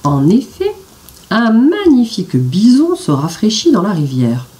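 A woman narrating a children's picture story in an expressive, animated reading voice. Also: medium pitch, measured pace, recorded from a distance, a little hiss or hum.

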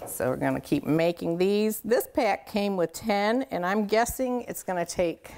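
A middle-aged woman presents a relaxed cooking demonstration from a home kitchen, addressing viewers directly in a chatty, folksy, enthusiastic manner. Her voice sits at medium pitch with a darkish tone, and she doesn't hurry.

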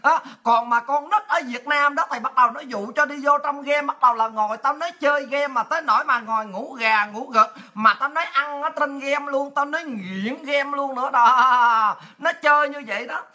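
A woman's voice: high voice, moderate pace, hardly any pauses, pushed and bright. A woman, delivering a blunt, scolding political monologue full of exclamations and coarse slang. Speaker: political commentary host. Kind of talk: impassioned monologue.

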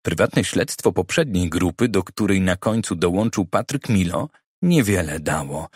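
A man narrating a crime audiobook in a steady, even scripted reading, recorded on a studio microphone. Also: sits low, slightly rough, no echo.

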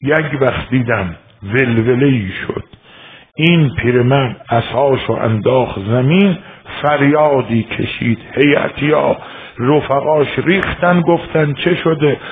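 A man from Iran delivers a religious sermon, telling a story in an emotive way that shifts from hushed to fervent. His voice sits at a middling pitch for a man. The recording sounds thin and tinny, like a phone line. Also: a little hiss or hum. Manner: emotive, swings from quiet to crying out. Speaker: preacher.

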